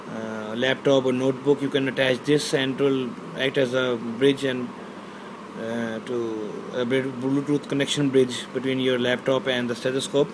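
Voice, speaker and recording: A man of medium pitch casually unboxes a product indoors in a small bedroom, speaking Urdu to a handheld phone camera. He hesitates a lot, uses many fillers, and reads out what's printed on the box, with background noise audible.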